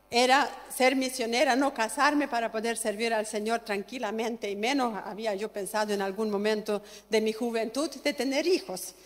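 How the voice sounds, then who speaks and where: High-voiced impassioned woman preacher, echoing church. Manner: impassioned, swinging between loud appeals and hushed asides. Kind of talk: sermon. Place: church sanctuary. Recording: reverberant hall with faint music.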